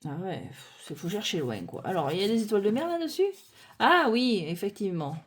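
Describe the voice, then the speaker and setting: A French-speaking woman with a medium-pitched, sing-song voice carrying a breathy edge casually goes through a tarot deck card by card. She takes her time and thinks aloud, with frequent fillers, restarts and self-corrections.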